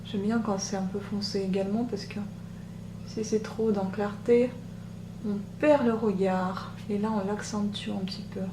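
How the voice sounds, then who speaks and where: A woman with a soft voice talking through a makeup tutorial in a relaxed, chatty way, pausing often. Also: medium pitch, recorded from a distance. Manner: chatty, hesitant with many pauses. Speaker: beauty vlogger. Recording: roomy echo, off-mic, machine hum. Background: machine hum.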